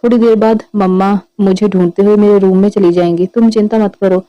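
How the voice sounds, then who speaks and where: A man's voice: sits high, steady tone, a little fast, no echo, dull audio, close to an everyday voice. A woman voicing a playful, possessive young man in love who teases his fiancée. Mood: teasing.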